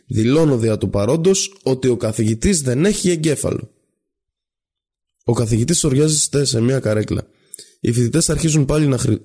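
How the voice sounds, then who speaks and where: Brief: male narrator, steady read-aloud delivery, dark and mellow tone, gravelly edge. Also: mid-range voice.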